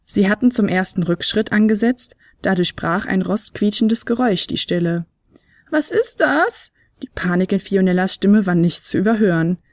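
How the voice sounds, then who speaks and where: A woman narrating a children's advent story in a clear, steady storytelling voice. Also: medium pitch, moderate pace, hardly any pauses, no echo.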